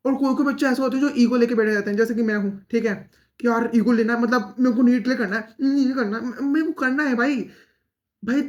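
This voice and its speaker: A young man speaking very fast in a casual, rambling monologue, poking fun at himself while giving motivation to fellow exam aspirants. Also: extremely high pitch, highs cut off. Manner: very fast, rambling, self-mocking talk.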